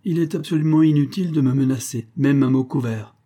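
A man's voice: medium pitch, a little fast, warm tone, voice pushed up, close to an everyday voice. A man doing a cold, commanding billionaire. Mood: icy, commanding. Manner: curt and authoritative.

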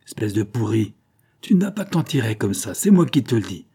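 A man's voice: fairly low pitch, big pitch swings, moderate pace, warm tone, breathy edge, exaggerated voice. A man reading the part of a menacing Italian gangster who speaks harshly with an Italian accent. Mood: threatening. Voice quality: hard, threatening.

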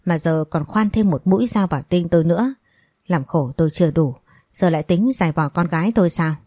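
A woman's voice: lowish voice, a little fast, warm tone, no echo, studio quality, lightly acted. A woman voicing a resentful middle-aged woman who accuses a man of old betrayals, in a storybook reading. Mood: bitter.

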